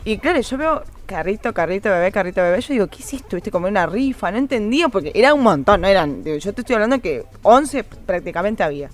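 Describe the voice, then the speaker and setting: A woman from Buenos Aires with a Rioplatense accent, a guest telling stories in a casual interview, animated and laughing as she acts out dialogue. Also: medium pitch, fast talker, few pauses, faint music behind. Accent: Rioplatense Spanish. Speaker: guest, women's football organizer.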